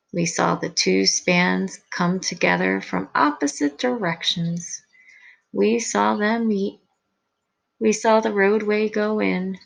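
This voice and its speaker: A woman teacher reading a picture book aloud with expressive delivery, pausing to comment for her listeners. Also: medium pitch, gravelly, low-quality recording.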